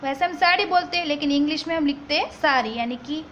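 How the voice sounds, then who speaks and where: A woman's voice: high voice, fast talker, fairly bright tone. A woman teacher, patiently explaining vocabulary and spelling words out letter by letter. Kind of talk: classroom vocabulary lesson. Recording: slightly dull lo-fi recording with faint background noise.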